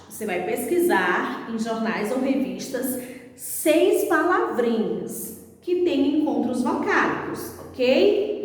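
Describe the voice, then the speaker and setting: A Brazilian woman teacher giving a slow, patient lesson to young children, breaking words into syllables. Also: high-pitched. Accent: Brazilian Portuguese. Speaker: primary school teacher. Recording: echoey room, voice from a distance.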